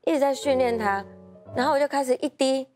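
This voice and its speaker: A woman's voice: high-pitched, brisk, faint music behind. A woman, a guest actress on a studio talk show, telling stories and acting out scenes with bursts of laughter. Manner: animated, acts out scenes with laughter. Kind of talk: lively anecdote telling.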